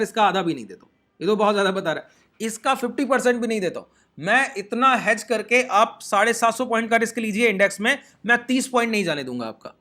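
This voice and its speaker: A man teaches a trading lesson over a screen share. His voice sits high and sounds bright and forceful. He walks through each step and keeps checking in with his listeners.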